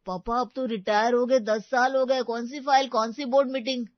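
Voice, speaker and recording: A woman's voice: a little high, fairly even intonation, normal speed, no echo, voice pushed up, lightly acted. A carefree young son talks back in a casual, teasing way, as a woman narrator plays him. The recording is dry and dull.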